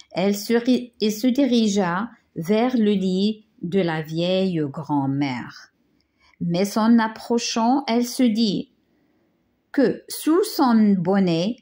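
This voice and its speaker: Slow French woman reading a tale. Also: medium pitch, dark tone. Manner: slow, careful reading with small slips. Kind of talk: reading a children's tale aloud.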